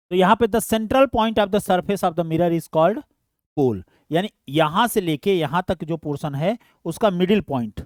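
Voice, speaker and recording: A man's voice: high-pitched, a little mellow, dry recording, clean studio sound. A man teaching an online science lesson. He explains step by step, fondly calls his students "beta", and keeps asking whether they understood.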